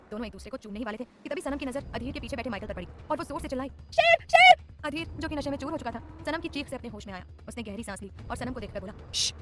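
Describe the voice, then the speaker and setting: A woman narrating a dramatized audio story in a brisk, expressive way. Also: a little high, background noise.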